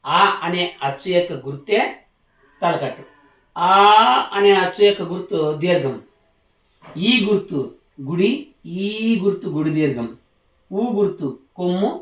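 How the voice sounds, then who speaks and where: Patient man teaching letter sounds, high voice. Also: far from the mic, highs cut off. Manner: patient, repeats sounds syllable by syllable. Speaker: Telugu teacher. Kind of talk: slow spoken lesson for children. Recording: echoey room, slightly off the mic.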